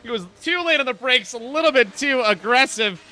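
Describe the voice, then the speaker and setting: A man doing live play-by-play for an online racing league, shouting at close moves and straining his voice. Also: extremely high pitch, animated, a little fast. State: losing his voice. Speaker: sim racing league commentator. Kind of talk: excited live esports race commentary.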